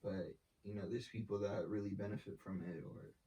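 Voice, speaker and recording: A man's voice: on the low side, brisk, dark tone. Laid-back, slangy young man, off the mic. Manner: laid-back slangy talk, swearing, filler-heavy. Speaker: artist and brand founder. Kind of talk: casual interview talk. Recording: voice from a distance off the mic.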